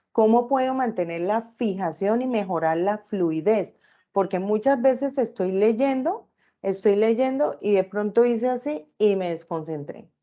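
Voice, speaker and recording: A woman's voice: medium pitch, dark tone, dull audio. A woman teaching an online class, often checking in with her students through short tag questions.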